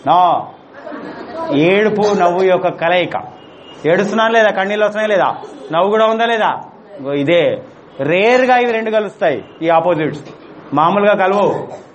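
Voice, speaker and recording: A man's voice: sits high, animated, moderate pace, long pauses, dull audio. A man teaching a spiritual class, playful and laughing as he keeps asking his audience questions.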